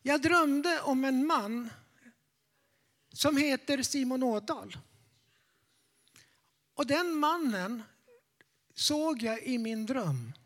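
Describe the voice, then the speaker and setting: Brief: skeptical older woman, nervous, rushed delivery, raised pitch and volume, played by a man. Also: animated, fairly bright tone. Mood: earnest. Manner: hurried, fast talk.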